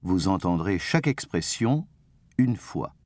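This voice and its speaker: Low-voiced man giving lesson instructions. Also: lively intonation, a little mellow, dry recording, studio quality. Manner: clear, measured classroom delivery. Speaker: language instructor. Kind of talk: scripted language-lesson instructions.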